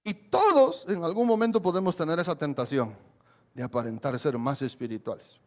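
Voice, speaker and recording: A man's voice: fairly high pitch, lively intonation, brisk. A man preaching a sermon as a pastor, emphatic and repetitive, often asking the congregation questions. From Guatemala. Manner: emphatic preaching, repeats key phrases, asks the congregation questions.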